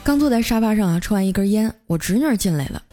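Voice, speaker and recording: A woman, hosting and telling a comic story in a lively, chatty way. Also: mid-range voice. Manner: lively, chatty, drawn-out particles. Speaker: radio story host. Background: faint music.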